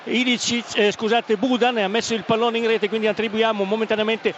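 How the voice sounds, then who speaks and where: Urgent high-pitched male football reporter. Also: little pitch movement, a little fast, a bit bright. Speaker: football commentator. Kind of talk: live radio match updates. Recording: muffled noisy outdoor radio feed.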